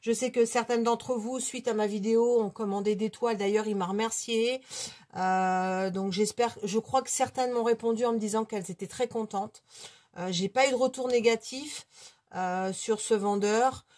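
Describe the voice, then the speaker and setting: A woman's voice: fairly high pitch, fairly even intonation, moderate pace, a little mellow. A woman hosting her own hobby channel at home, giving a casual, unscripted product review in a chatty, hesitant way full of fillers.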